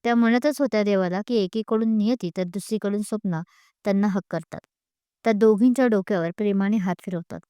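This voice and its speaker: A woman narrating an audio story in a steady, expressive storytelling manner. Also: medium pitch, no echo, clean studio sound.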